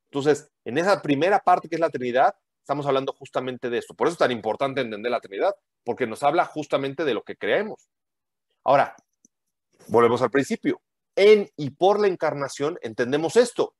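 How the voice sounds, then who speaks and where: A man's voice: a little high, no echo, clean studio sound. A man giving a teaching sermon to a group, emphatic and full of rhetorical questions and tag questions.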